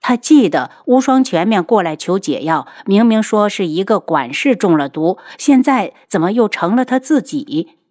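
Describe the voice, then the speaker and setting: A woman narrating a novel as an audiobook in an even storytelling delivery. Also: medium pitch, normal speed, dry recording, clean studio sound.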